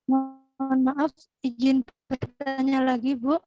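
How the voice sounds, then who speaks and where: A woman's voice: high-pitched, level tone, takes it slowly, music in the background. A young woman, a student, politely asking questions in an online class while her audio keeps breaking up. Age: young adult. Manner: polite, formal and apologetic. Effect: choppy, breaking-up online call audio. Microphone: video call. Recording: dull lo-fi video call audio.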